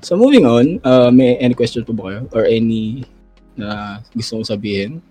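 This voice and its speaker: A man's voice: medium pitch, lively intonation, normal speed, dark tone, soft background music. A man hosting a casual gaming chat, laid-back, switching between Filipino and English. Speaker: host.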